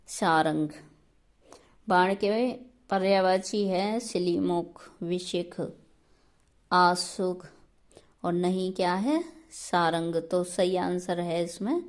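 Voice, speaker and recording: A woman's voice: on the low side, darkish tone. A woman teaching an exam prep grammar lesson, explaining patiently step by step and checking in often.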